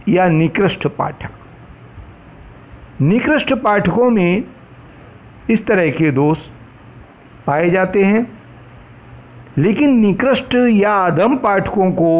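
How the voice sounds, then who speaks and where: A man teaching a lesson in a slow, deliberate way, laying out each point one by one. His voice sits high for a man, and he recites verses in a chanting cadence. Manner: slow, measured explanation, recites Sanskrit verses. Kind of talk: lecture on pronunciation for trainee teachers.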